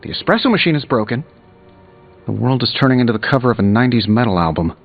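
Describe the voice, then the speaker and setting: A man's voice: mid-range voice, big pitch swings, quick pace, highs cut off, soft background music. A man playing a cocky, wisecracking genius inventor superhero in a video game, with a glib, sarcastic delivery. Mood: wry exasperation. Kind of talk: video game dialogue, quippy banter.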